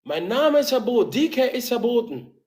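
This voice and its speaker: A man's voice: extremely high pitch, sing-song, fairly quick, darkish tone. A man from Gabon hosting a casual video-call chat, teasing and questioning his guest playfully. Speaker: live-stream host.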